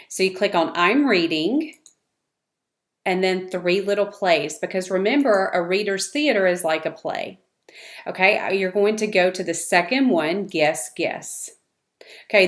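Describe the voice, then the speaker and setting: A woman teaching a reading lesson, speaking clearly and encouragingly and modelling rising question intonation. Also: mid-range voice. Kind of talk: classroom lesson.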